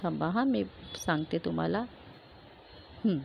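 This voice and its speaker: A woman's voice: lowish voice, a little slow, vocal fry, a little mellow, slight background noise. A woman teacher with a Marathi accent explaining a spelling rule step by step, asking questions and then answering them herself. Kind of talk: classroom grammar lesson.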